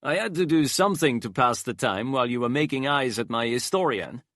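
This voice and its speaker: A man voicing a cool, calculating young male leader who speaks in a calm, clipped, dry way. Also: mid-range voice, fairly quick, no room sound.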